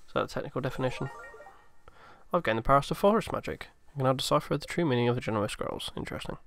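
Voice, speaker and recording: A man's voice: mid-range voice, racing, fairly bright tone, soft background music. A man casually commenting on his own gameplay, chatty and swearing freely as he mutters along. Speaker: let's play host.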